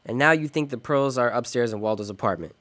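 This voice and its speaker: An actor playing a cool, wisecracking private detective in a radio noir drama, sardonic and slangy. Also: male voice, mid-range voice, quick pace, a bit bright, lightly acted. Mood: cool, probing.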